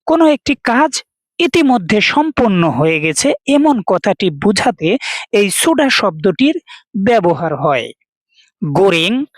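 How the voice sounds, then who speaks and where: Her mid-range voice free of echo, a Bangladeshi woman leads a slow vocabulary lesson, patiently introducing words one after another and explaining each.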